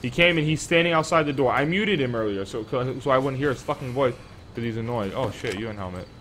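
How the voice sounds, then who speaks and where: A man's voice: mid-range voice, quick pace, fairly bright tone, slight background noise. A young man streaming an online survival game, chatting casually with teammates; he is sleepy, profane and trash-talking, and he rambles through stories.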